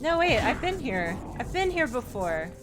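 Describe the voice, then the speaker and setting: A woman's voice: high voice, big pitch swings, normal speed. A woman live streaming a video game with casual, playful chat in a cute, bubbly anime-streamer manner, often slipping into sing-song repeats. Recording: music playing behind the voice. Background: game music.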